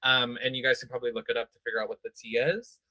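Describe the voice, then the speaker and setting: A man's voice: mid-range voice, little pitch movement, very fast, pushed and bright, no echo. A man hosting a casual panel chat about games, talking in a chatty, slangy way with playful asides.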